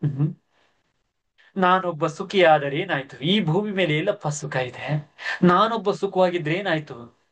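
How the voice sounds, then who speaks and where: A man's voice: fairly high pitch, unhurried, pauses often, a bit bright, voice pushed up. A man doing an earnest young prince. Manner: earnest, declamatory verse reading.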